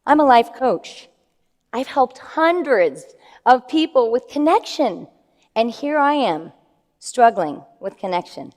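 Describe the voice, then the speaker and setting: A woman's voice: fairly high pitch, a little mellow. A woman who is a life coach, giving an earnest talk to an audience and stressing figures. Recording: long hall reverb.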